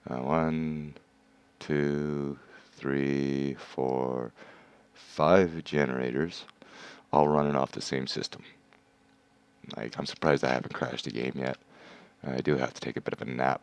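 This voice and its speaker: A man's voice: very deep voice, creaky. A man hosting a livestream, chatting casually and explaining game mechanics step by step. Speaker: livestream host. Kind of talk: casual gameplay commentary.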